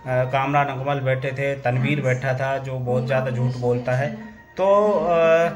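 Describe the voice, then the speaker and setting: Male vlogger, Garhwali Hindi accent, slightly high voice, emphatic and indignant, music bed. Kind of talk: casual commentary to camera.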